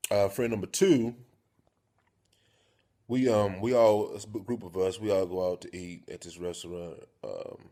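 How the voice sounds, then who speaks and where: Young man, vlogger, low voice, casual, profane, animated storytelling. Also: a little slow. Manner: animated, profane, acts out scenes with a raised voice and stammering.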